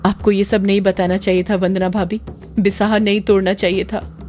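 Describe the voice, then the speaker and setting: A woman's voice: mid-range voice, little pitch movement, normal speed, a little mellow, natural voice. A woman voicing Amodita, a young woman who firmly stands up to her witch mother, over faint music. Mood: firm, pleading. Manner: firm, insistent. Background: faint background music.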